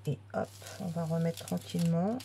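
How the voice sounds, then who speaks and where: Chatty woman unboxing crafts, lowish voice. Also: steady tone, moderate pace, gravelly, very noisy. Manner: chatty, lots of fillers and restarts. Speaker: craft vlogger. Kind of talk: casual unboxing chat.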